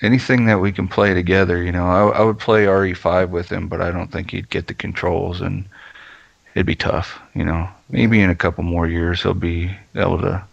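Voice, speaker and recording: A man co-hosting a casual gaming podcast, relaxed and hesitant, with many ums and uhs. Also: deep voice, normal speed, creaky, no room sound, highs cut off. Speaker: podcast co-host.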